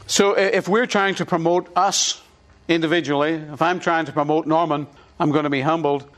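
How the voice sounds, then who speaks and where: This Irish pastor, middle-aged and a bit high-voiced for a man, gives a sermon built on call-and-response. He repeats brief phrases with emphasis for the congregation to echo. His intonation stays fairly even, his pace is normal, and his tone is fairly bright.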